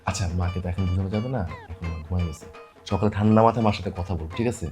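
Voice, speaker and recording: An actor playing a young husband who stammers and coaxes his upset wife, talking very fast. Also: low-pitched, a little mellow, soft background music, close to an everyday voice. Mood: coaxing. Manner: stammering, coaxing. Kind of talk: TV drama acting.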